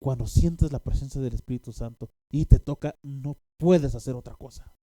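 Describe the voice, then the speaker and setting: A man's voice: mid-range voice, normal speed, dark tone, dry recording. A man preaching a sermon, telling a story with many restarts and fillers and bursts of animation.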